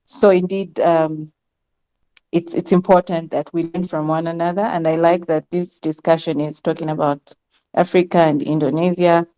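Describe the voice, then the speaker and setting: Low-voiced woman from Zambia on a call. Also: fairly even intonation, dark tone, clean tone. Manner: measured, thoughtful, with frequent ums. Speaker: panelist. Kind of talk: online panel discussion. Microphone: video call. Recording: muffled lo-fi video call audio.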